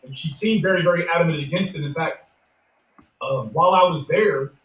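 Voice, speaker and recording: An easygoing man moderates a casual talk, speaking affectionately and chatting freely. His voice is a bit high for a man and sits well back from the microphone. An echoey room surrounds him. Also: fairly quick, a bit bright, recorded from a distance. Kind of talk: casual discussion.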